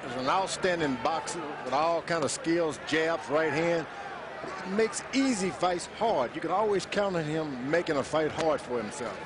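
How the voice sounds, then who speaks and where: A man's voice: a little high, lively intonation, normal speed. Plain-spoken male boxing analyst in heavy noise. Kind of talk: conversational sports commentary. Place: ringside in an arena. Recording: very noisy arena broadcast.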